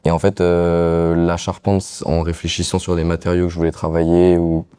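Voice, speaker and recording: Low, mellow young Parisian man. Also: monotone, moderate pace, clean tone. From Paris, France. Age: young adult. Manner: hesitant, many fillers. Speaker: carpenter guest. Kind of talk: casual interview answers.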